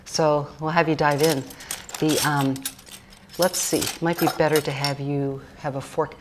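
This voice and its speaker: Low-voiced woman, easygoing cookbook author demoing dishes, rambly and joking; slight background hiss. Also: level tone, unhurried. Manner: chatty, rambling, with fillers and jokes. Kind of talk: casual cooking demonstration chat.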